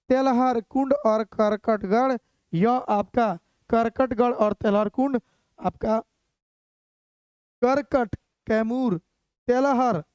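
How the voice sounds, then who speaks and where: Woman teacher, high and slow, smooth dry voice, repeats terms for students to memorize. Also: darkish tone, no echo. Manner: drills terms by repeating them over and over. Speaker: exam coaching teacher. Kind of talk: slow repetitive exam-prep lesson with memory tricks.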